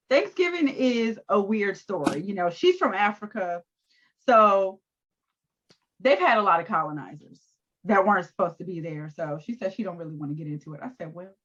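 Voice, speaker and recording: A woman co-hosting a casual recap chat, animated and laughing often as she acts out quotes. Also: fairly low pitch, moderate pace, highs cut off. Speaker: podcast co-host.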